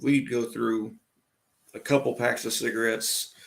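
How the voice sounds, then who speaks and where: Gravelly laid-back man in his forties. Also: mid-range voice, level tone, measured pace, a bit bright. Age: 40s. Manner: laid-back, greets viewers mid-conversation. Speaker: live stream host. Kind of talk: casual live-stream chat.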